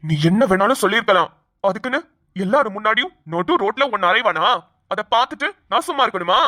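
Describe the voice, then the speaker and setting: A woman's voice: medium pitch, animated, fast, pushed and bright. A woman voicing a hot-headed, protective young man in a cartoon who broods over his choices. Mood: defiant. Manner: brooding, talks to himself. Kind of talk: Tamil cartoon voice acting.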